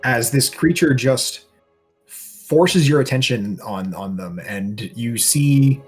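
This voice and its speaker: Game master, male, deliberate and halting, low voice over soft background music. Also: lively intonation. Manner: slow, halting descriptive narration with many restarts. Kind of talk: narrating a tabletop game.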